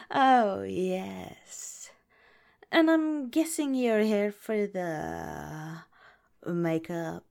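Slow, soft-spoken woman doing makeup roleplay. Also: lowish voice, big pitch swings, gravelly. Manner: fawning, calls listener darling and honey; soft-spoken, slips into whispers. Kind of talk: ASMR roleplay.

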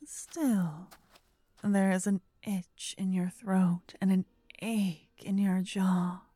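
Woman, ASMR narrator, soft whisper, husky, dark, slow. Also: mid-range voice, steady tone, no room sound, clean studio sound. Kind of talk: second-person ASMR story narration.

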